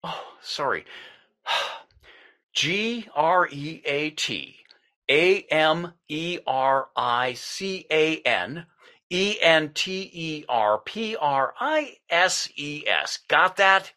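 A flustered salesman, lively and stammering. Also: a little high, very slow, exaggerated voice. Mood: flustered, exasperated. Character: flustered, exasperated male salesman on the phone. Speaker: equipment salesman. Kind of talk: comedic short film acting.

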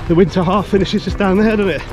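A man's voice: high-pitched, steady tone, fast. An English man in his forties chatting casually to his camera while running outdoors, a little out of breath. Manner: talking while running, exerted. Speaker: running vlogger. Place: outdoors on paths during a road race. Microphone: action camera at arm's length. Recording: outdoor action-camera audio with loud music. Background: loud music, outdoor traffic sounds.

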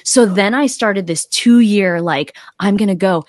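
In an unhurried, medium-pitched voice with a darkish tone, a middle-aged woman recounts her experiences and views as a podcast guest. An accountability coach, she joins the casual interview on a video call from a small indoor home room, and her close desktop podcast mic captures studio-quality audio without echo.

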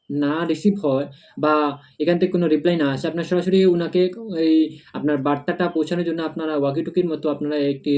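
A tutorial video creator from Barak Valley in Assam, India, walks through a phone app step by step. His voice is on the high side with a dark tone, his style is informal and repetitive, and faint background noise can be heard.

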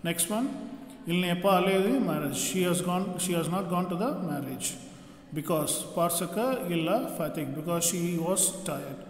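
A high-pitched man speaks at a moderate pace, walking through a grammar lesson step by step as a French teacher would in class. The room is echoey, with a long reverb trailing his words.

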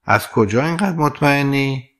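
Male reader doing a young woman, memory lost, gentle, teasing, audiobook, mid-pitched voice. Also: expressive, close to an everyday voice.

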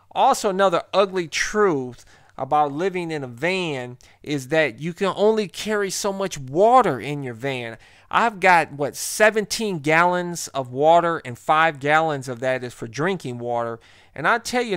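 A man's voice: a little high, lively intonation, a little slow, fairly bright tone, clean tone, no echo, studio quality. An American man vlogging casually and bluntly, talking straight to viewers in informal language. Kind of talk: casual vlog monologue.

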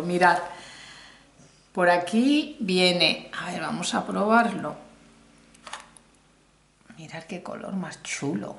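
A woman's voice: medium pitch, a bit bright. A middle-aged woman from Spain with a Spanish accent, chatting casually to viewers as she reviews a makeup haul, exclamatory and talking straight to the camera. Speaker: beauty vlogger. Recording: echoey room, faint noise.

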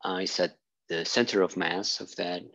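In a small room, a physics instructor draws on a whiteboard while thinking aloud, full of fillers and restarts. He speaks at a moderate pace in a low, slightly bright voice with fairly even intonation, and the audio is poor.

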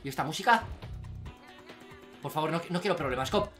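Young man, Spain Spanish accent, excitable let's-play commentary, sudden shouts, faint game music in the background. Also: fairly high pitch, fairly quick. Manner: excitable, bursts into shouted exclamations. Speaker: gaming YouTuber.

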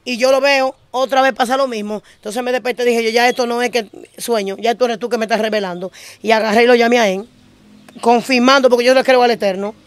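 Woman, Dominican Spanish accent, pastor giving a testimony, quick delivery, crisp voice, dry close sound. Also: a little high, steady tone, dry recording. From Dominican Republic. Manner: repeats phrases in rapid bursts. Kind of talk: emotional testimony storytelling. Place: living in Spain.

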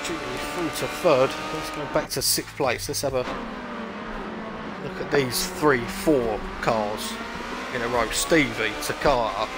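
A man's voice: mid-range voice, a little slow, very noisy. A man commentating live on an online car race like a motorsport commentator, calling moves in short clipped phrases.

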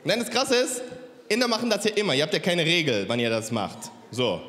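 A man's voice: a little high, sing-song, brisk, fairly bright tone. A man performing a stand-up comedy set on a club stage, talking straight to the crowd and slipping into mimicked voices. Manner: punchy, mimics accents and voices, addresses crowd. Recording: live stage in a hall with reverb, faint crowd noise.

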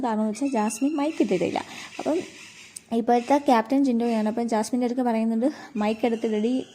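A woman's voice: fairly high pitch, warm tone. A woman casually recapping a reality show episode for her viewers, chatty and full of fillers. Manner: chatty, addresses viewers as guys, many fillers.

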